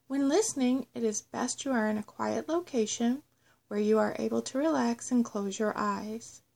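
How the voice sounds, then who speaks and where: A woman narrating a scripted guided meditation in a measured, instructional way. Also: a little high, creaky, a little mellow. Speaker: host of a guided self-love meditation audio.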